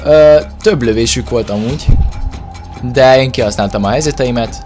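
A Hungarian man commentates his own football video game in an excited, exclamatory way. His voice sits at a medium pitch, and music plays clearly behind him. He stretches words as he follows the play. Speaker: gaming video creator commentating own match.

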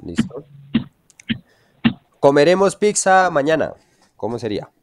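A man's voice: on the high side, sing-song, measured pace, no echo, studio quality. A man with a Colombian Spanish accent, teaching an online English lesson and often checking whether his students follow. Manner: checks understanding often, asks students questions.

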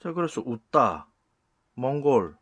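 A man talks through a casual lecture in an ordinary middle voice, now and then jumping up loud to act out rough retorts. The sound is dry and close, with no room around it. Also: medium pitch, slow, no echo, lo-fi sound. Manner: animated, acts out rough retorts with sudden loud bursts. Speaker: channel host explaining word origins.

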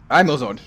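A gaming YouTuber, giving lively live commentary while playing, yelping and teasing the enemy. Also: very noisy. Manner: excitable, yelps and shouts at the game; talks to the enemy, playful teasing.

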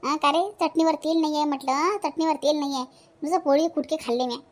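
A woman's voice: high-pitched, steady tone, fast talker, natural voice. A woman with a Vidarbha Marathi accent voicing a fierce, scolding widowed village mother in a cartoon. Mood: exasperated. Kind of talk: cartoon voice acting.

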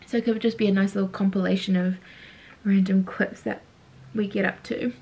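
A woman's voice: mid-range voice, level tone, fairly quick, darkish tone, slightly rough. A young woman chatting casually to the camera in her kitchen while getting ready. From New Zealand. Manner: chatty, easygoing, laughs between sentences. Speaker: vlogger. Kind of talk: casual vlog narration to camera. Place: home kitchen, indoors.

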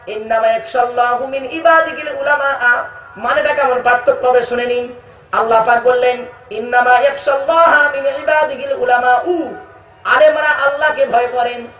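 A man with a West Bengal Bengali accent preaching a waz sermon, calling listeners "baba" and chanting verses slowly. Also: very high voice, a bit bright, a little hiss or hum. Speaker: preacher at a religious gathering. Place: outdoor religious gathering on loudspeakers. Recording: echoey, distant, dull public address sound.

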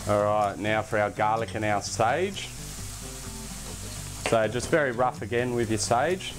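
A young man hosting a casual cooking demonstration in a home kitchen, relaxed and chatty, with self-deprecating asides. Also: on the low side, unhurried. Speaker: cooking show host. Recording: background music under the voice. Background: music and pan sizzling.

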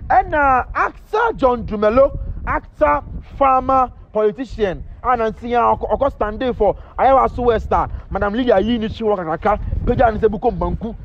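A man with a Ghanaian accent hosting an entertainment news show, chatting casually and playfully in a rambling, animated way. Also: very high voice, vocal fry, slight background noise. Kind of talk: casual gossip commentary mixing English and Twi. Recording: dull lo-fi recording.

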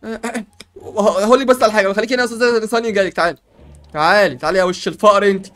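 A man with an Egyptian accent, playing a barber in a comedic game role-play, joking and stammering in quick repeats. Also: sits high, fairly even intonation, a bit bright.

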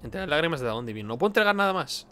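Excitable gaming streamer man. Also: on the high side, rapid-fire. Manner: excitable, shouts at the game, reads game text aloud. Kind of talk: let's play commentary.

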